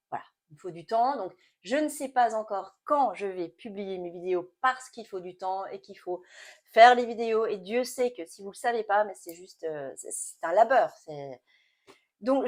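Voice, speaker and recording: A woman in her late forties, chatting casually to camera as a beauty vlogger, animated and stop-start with repeated words. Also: on the high side. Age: late 40s.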